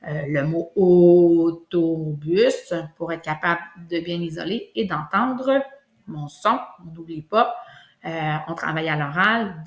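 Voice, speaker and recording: Woman, Québécois French accent, kindergarten teacher, lower voice, echoey room. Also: fairly bright tone. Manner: slow, stretched-out sounds for children. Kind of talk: classroom lesson video.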